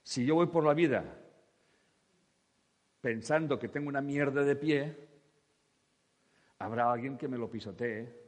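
At medium pitch and a slightly slow pace, with long pauses, this man speaks in a large room. His humorous spiritual talk is animated and jokey, full of crude gags and acted-out voices.

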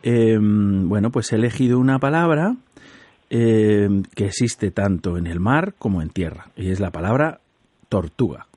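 Guy hosting radio, mellow and a bit husky, chatty explainer, laughs often. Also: lowish voice, lively intonation, measured pace, dry recording. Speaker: radio host. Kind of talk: casual radio chat.

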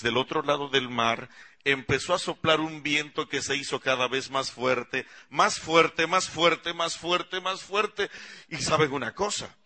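A slow, deliberate Mexican pastor tells the story theatrically, with a bright and forceful voice. He drops to a near hush and then rises to loud cries. He often turns to the congregation with questions. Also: medium pitch. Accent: Mexican Spanish. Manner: theatrical, swings from hushed pleading to loud cries; asks the audience questions. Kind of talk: dramatic storytelling sermon.

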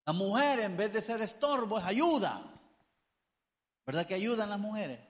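A man preaching a sermon with a high, ringing voice that carries a long reverb through an echoey hall. He keeps calling his listeners brother, pressing them with rhetorical questions and teasing asides. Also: sing-song, measured pace.

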